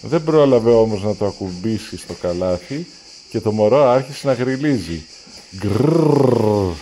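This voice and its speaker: A man reading a children's storybook aloud, lively and acting out the characters' lines. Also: lowish voice, a little hiss or hum. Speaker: storybook reader.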